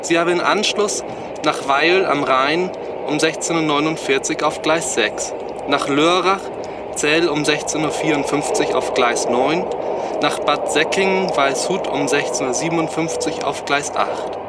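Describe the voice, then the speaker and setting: An actor playing a train conductor, making a formal, measured train loudspeaker announcement. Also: male voice. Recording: distant voice over loud train noise. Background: rumbling train and outdoor ambience.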